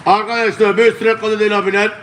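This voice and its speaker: High-pitched Turkish man calling a live auction. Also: level tone, fairly quick, a bit bright, a little hiss or hum. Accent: southeastern Turkish. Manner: repetitive auctioneer patter, constantly addressing bidders. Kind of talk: live auctioneer calling bids to online viewers.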